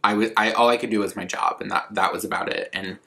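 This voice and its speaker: A man's voice: fairly low pitch, steady tone, quick pace, vocal fry, sharp tone. A man in his twenties chatting casually and candidly to camera, rambling in a self-deprecating way as he answers viewer questions. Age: 20s. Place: living room at a coffee table, indoors.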